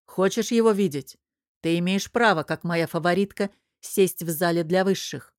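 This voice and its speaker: A woman's voice: on the low side, normal speed, no echo, studio quality, lightly acted. A woman reading an audiobook, voicing a male emperor who speaks in curt, self-assured, commanding lines.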